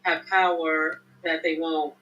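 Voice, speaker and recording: A woman's voice: sits low, flat delivery, bright, forceful tone, dull audio. A woman calling in as a mother, speaking hesitantly, stopping often with ums as she confesses something. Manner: hesitant, halting with many ums. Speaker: caller, a mother. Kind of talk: live call-in confession.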